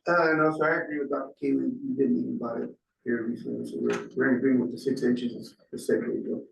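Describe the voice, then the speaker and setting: A man's voice: mid-range voice, fast talker, vocal fry, slight background noise, rough recording. A man with slightly impeded speech from a swollen lip gives an informal, folksy update at a meeting as a staff presenter. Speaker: irrigation district staff presenter.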